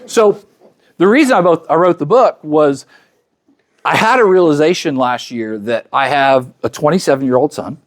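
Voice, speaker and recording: A man's voice: on the high side, lively intonation, normal speed. Chatty fifty-something man giving a talk. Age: 50s. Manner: conversational, acts out quoted dialogue; chatty, speaks directly to the crowd. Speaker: luncheon speaker. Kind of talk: motivational talk to an audience.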